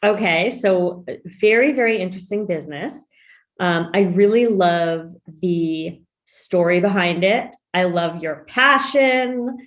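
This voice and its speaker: A woman's voice: fairly low pitch, unhurried. A woman hosting a business podcast interview, upbeat and emphatic, now and then saying "y'all". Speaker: podcast host and business coach.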